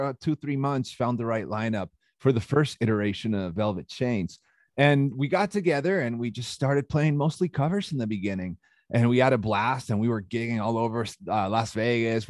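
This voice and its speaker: A man's voice: medium pitch, no room sound. Casual guest: young man from Chile, band frontman, loose and laughing, dry close mic. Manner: relaxed, laughs often, many fillers. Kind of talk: casual interview chat.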